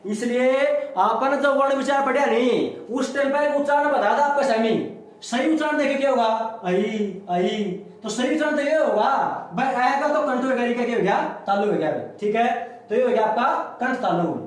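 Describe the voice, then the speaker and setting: A man's voice: very high voice, moderate pace. A man, teaching a classroom lesson, repeating sounds and asking and answering his own questions. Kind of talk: classroom lecture. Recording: very echoey room.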